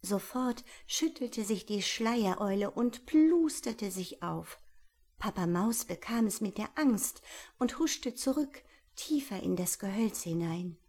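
A woman narrating a children's storybook in a calm, measured, softly expressive way. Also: medium pitch.

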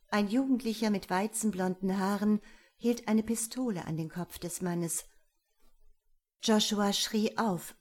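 A woman narrating an audiobook in a steady storytelling voice. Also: medium pitch. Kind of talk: scripted narration.

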